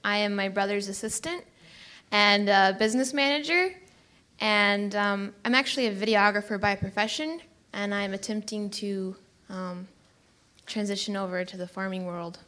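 A woman's voice: medium pitch, normal speed, sharp tone. Woman, 20s, panelist; plain delivery, slightly hesitant. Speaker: panelist, farm business manager.

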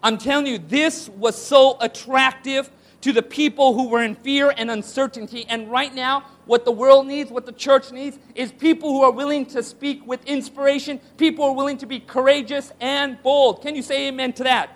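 A man's voice: very high voice, fairly even intonation, moderate pace. A man preaching a sermon to a congregation, asking rhetorical questions and calling for responses. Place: church hall with audience.

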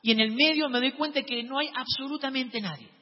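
High-voiced man telling a lively testimony. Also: brisk, big-room sound, highs cut off. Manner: lively, dramatic storytelling with shouted quotes. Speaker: speaker sharing a testimony. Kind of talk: storytelling testimony.

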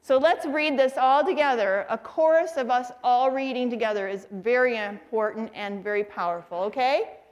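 A middle-aged woman teaching a faith-based class. She tells lively stories and asks her listeners questions. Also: on the high side, moderate pace, few pauses. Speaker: Bible study teacher.

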